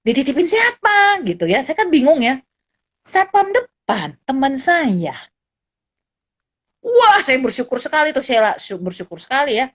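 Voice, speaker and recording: Lively middle-aged woman telling stories. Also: high-pitched, moderate pace, long pauses. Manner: animated, acts out dialogue, laughs often. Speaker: psychologist and lecturer, guest. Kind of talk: casual storytelling chat. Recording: dull lo-fi recording.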